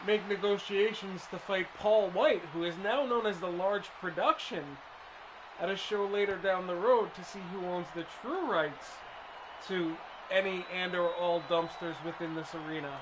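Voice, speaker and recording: A man's voice: sits high, moderate pace. A man giving comedic color commentary on a wrestling match with dry, absurd one-liners. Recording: noisy background.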